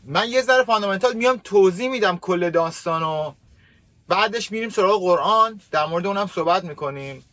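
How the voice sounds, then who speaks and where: A man with a high voice explains his views in a measured, self-assured way. The recording is dry and close, with no room sound around him. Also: a bit bright, dry recording. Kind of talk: casual chat.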